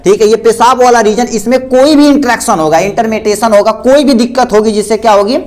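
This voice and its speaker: High-voiced man drilling terms in a lesson. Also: quick pace. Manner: repeats questions to the class and answers them himself. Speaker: pharmacy teacher. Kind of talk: explaining lecture with a diagram.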